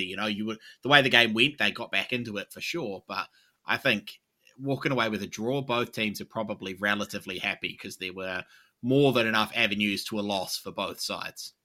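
A man co-hosting a football podcast, arguing in a measured, reasoned way and often repeating "I think". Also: lowish voice, sharp tone. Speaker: podcast co-host. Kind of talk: casual sports podcast chat.

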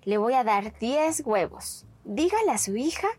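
A woman voicing a young, clever male village magistrate who speaks in a measured, inquisitive way. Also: fairly high pitch, very animated, darkish tone, breathy edge, pitched above the performer's own voice, full character voice.

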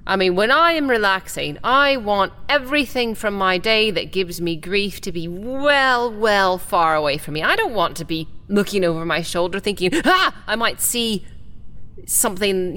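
A woman's voice: medium pitch, expressive, moderate pace, pushed and bright, big-room sound. An actress playing a snobbish, officious woman in an improvised audio comedy, prim and self-important.

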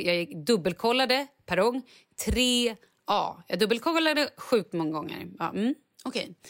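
A woman's voice: medium pitch, no echo, studio quality. A woman telling a self-mocking story in a casual chat, acting out what people said. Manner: animated, self-mocking, acts out quotes.

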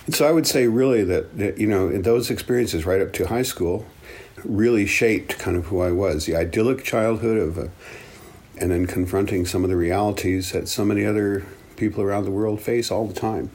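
With a fairly low, slightly mellow voice and a brisk pace, a man in his seventies reflects earnestly and thoughtfully on his life in an interview. He is an African studies professor from the Belgian Congo whose native languages are English and Swahili, and he tells his story in a personal, reflective way.

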